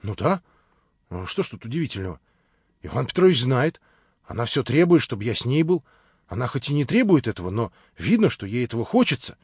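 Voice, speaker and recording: Naive young man, read by a male narrator; plaintive, rambling, a bit lower and softer than the narration. Dry, dull-ish audio. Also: very animated, fairly quick, breathy edge, no echo. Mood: self-justifying.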